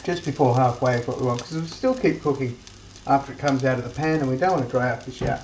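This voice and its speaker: A woman's voice: very deep voice, fast, muffled recording. A woman vlogger chatting in a homely way while she cooks in her home kitchen, with a pan sizzling. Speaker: cooking vlogger. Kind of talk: casual cooking demonstration. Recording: echoey kitchen with loud frying noise.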